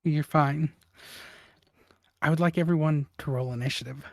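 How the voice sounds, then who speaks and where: A man's voice: on the high side, steady tone, normal speed, gravelly, no room sound. A man running a tabletop role-playing game as game master, giving players instructions and rulings.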